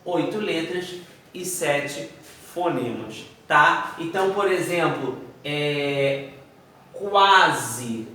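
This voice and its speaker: A man teaches a phonetics lesson at an unhurried pace, counting out letters and sounds aloud. His voice is high and bright. He stands a little off the mic in a strongly echoing room. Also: far from the mic. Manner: spells out words slowly, counting letters aloud; asks himself students' questions. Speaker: Portuguese teacher. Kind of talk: video lesson explaining phonetics.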